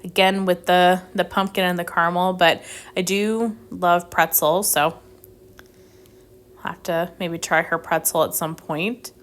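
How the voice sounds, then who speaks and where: A woman's voice: fairly low pitch, steady tone, measured pace, fairly bright tone. A young woman casually reviewing a scent preorder list, reading out notes and thinking aloud, her voice a bit strained from sneezing. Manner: chatty, mulls options aloud, reads scent notes. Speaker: wax melt reviewer. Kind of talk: casual product review vlog.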